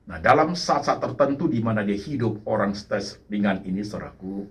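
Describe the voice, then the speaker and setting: A man's voice: on the low side, animated, moderate pace, a bit bright. A man preaching a sermon, repeating phrases and calling out to the congregation, sliding now and then into English words. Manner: mixes English words into his speech. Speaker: pastor.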